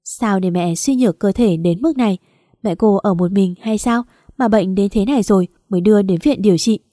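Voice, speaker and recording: A blunt, matter-of-fact doctor, a middle-aged man, put on by a woman reading a story aloud. He talks at a brisk clip in a mellow, dry voice. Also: medium pitch, dry recording, lightly acted. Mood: stern.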